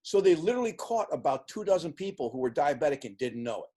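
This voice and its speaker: A man in his sixties, an interview guest who tells lively stories and acts out the voices of the people in them. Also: a little high, fast, husky. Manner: animated storyteller acting out quoted voices. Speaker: interview guest, sports team executive. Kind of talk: casual storytelling in an interview.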